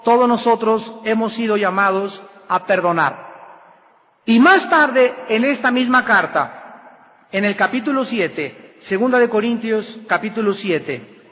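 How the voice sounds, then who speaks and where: A man preaching a sermon, emphatic, with sudden rises and slow drawn-out words. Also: high voice. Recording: dull lo-fi recording with long hall reverb.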